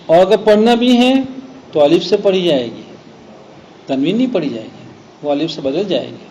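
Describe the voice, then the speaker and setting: A man teaching a Quran recitation class. He explains slowly, draws out the example words and checks that students follow. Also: fairly high pitch, expressive, mellow. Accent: Gujarat Urdu. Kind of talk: classroom lesson. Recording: dull lo-fi classroom recording with faint noise.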